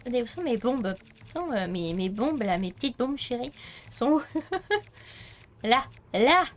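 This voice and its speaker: Excitable high French woman streaming a game. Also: unhurried, slight background noise. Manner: excitable, panicky repetitions and frequent laughter. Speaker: streamer playing a video game. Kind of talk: live gameplay commentary.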